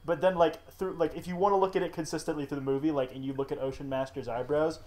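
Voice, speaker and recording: Excitable young man, slightly stuffy nose. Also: a little high, fast. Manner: excitable, swears a lot, laughs often. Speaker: podcast host. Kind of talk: casual chat. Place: in bed at home. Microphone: desktop USB microphone.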